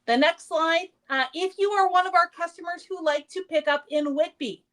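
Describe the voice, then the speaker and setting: Her voice is very high and fairly bright, moving at a normal pace. She hosts a craft store's livestream, chatting cheerfully and casually about products and what's new at the store.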